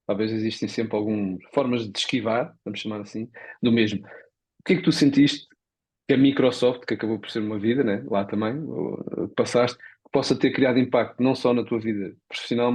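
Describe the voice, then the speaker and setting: Fast-talking man with a husky voice. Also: mid-range voice, a little mellow. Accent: European Portuguese. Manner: informal, conversational. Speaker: podcast host. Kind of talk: casual podcast interviewing.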